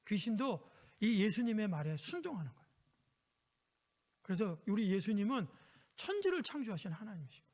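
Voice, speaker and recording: A man preaching a children's sermon, telling a Bible story gently and asking his listeners questions. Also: high voice. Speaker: pastor.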